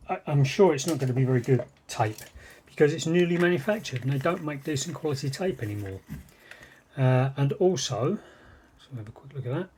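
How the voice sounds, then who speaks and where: On his vlog, a British man rambles unscripted and muses aloud while showing off vintage cassette gear. He has a slightly mellow voice on the high side, with a little background noise.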